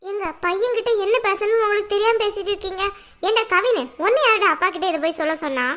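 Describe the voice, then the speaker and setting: A woman voicing a worried middle-aged mother in a cartoon who scolds and pleads for calm. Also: very high voice, quick pace. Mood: scolding. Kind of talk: cartoon voice acting.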